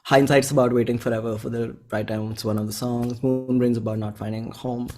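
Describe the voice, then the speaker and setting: A musician in his twenties from India chats casually in an interview, thinking aloud and often saying "like." His mid-range voice is a little mellow, with a flat delivery and a slightly fast pace.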